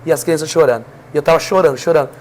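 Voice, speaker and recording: Fairly high-pitched and a little mellow, this Brazilian man talks rapid-fire over slight background noise. A preacher and podcast guest with a Brazilian Portuguese accent, he recounts a moving personal testimony with earnest emphasis that builds steadily.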